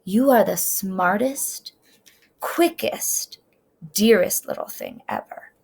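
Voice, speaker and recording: A woman's voice: medium pitch, animated, slow, creaky, darkish tone, breathy edge, heavily acted. A woman voicing a loving, wise old grandmother from a storybook, tender and emphatic in her reassurance. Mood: tender, reassuring.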